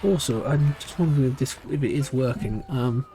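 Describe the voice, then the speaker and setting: A British man, whose accent drifts between regions, chats and thinks aloud while live-streaming a speedrun. His medium-pitched, warm voice moves a little fast, with some hiss or hum in the recording.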